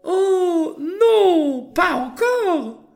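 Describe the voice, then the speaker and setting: A man voicing a small, gentle female moon in a children's story, talking in a high, childlike way. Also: takes it slowly, soft background music, exaggerated voice. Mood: wailing.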